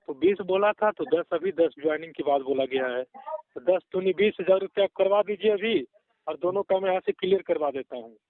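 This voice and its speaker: In a phone call recording, a man pushes for payment on a job listing, sounding curt, insistent and pushy. His voice sits high and moves fairly quickly, with no echo.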